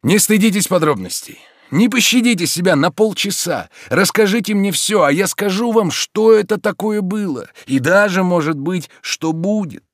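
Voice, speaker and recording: An agitated, insistent man, voiced by a male narrator, pressing with urgent, lively questions. His voice lifts above the narration with eager force. The sound is dry and close. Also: high-pitched, moderate pace, no echo, voice pushed up.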